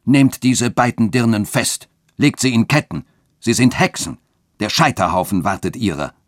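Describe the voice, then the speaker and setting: A man voicing a small, wrathful, tyrannical bishop who shouts commands. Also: on the low side, expressive, moderate pace, no room sound, clean studio sound. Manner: commanding, furious outbursts.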